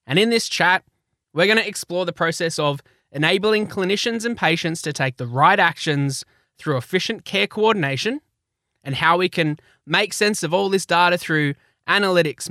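A man's voice: fairly high pitch, pushed and bright, no room sound, clean studio sound. A man hosting a podcast in a chatty, informal, chummy way. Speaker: podcast host.

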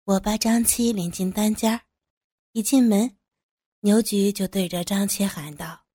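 A woman's voice: mid-range voice, steady tone, a little slow, mellow, slightly rough, dry recording, studio quality. A woman narrating a first-person story as an audiobook, in a knowing, lightly mocking manner.

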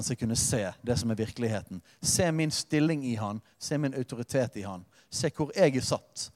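A man's voice: mid-range voice, a little mellow, long reverb tail. A man preaching a sermon as pastor, with impassioned delivery that swells and drops and uses emphatic repetition.

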